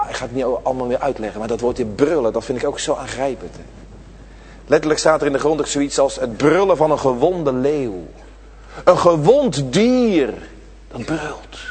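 A man preaching a sermon to his congregation, swinging between loud, drawn-out emphasis and quiet, low asides. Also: breathy edge, long reverb tail. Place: church.

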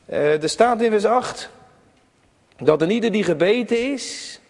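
A man preaching in a church, his voice pitched a little high and very lively, soaring to urgent cries and then sinking almost to a murmur. Long reverb from the church hall trails every phrase. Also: unhurried. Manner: emphatic, rising to high cries and dropping to hushed tones. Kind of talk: sermon.

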